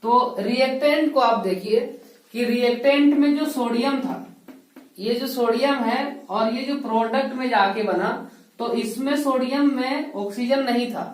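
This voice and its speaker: A woman's voice: a little high, a little slow. Woman teaching chemistry in an echoey room. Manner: explains step by step, asks rhetorical questions. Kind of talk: whiteboard chemistry lesson. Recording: echoey room, voice heard from a distance.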